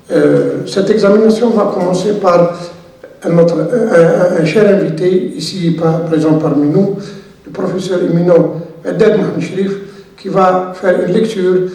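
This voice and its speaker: A man's voice: sits high, mellow. A man presiding over a thesis jury, speaking formally and hesitantly with many fillers. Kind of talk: formal academic proceedings. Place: university lecture hall. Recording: echoey hall, voice from far off.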